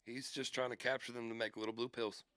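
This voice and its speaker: A man's voice: medium pitch, level tone, fast talker, bright, forceful tone, dry recording. A man co-hosting a talk radio show, joking around and laughing often. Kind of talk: casual banter.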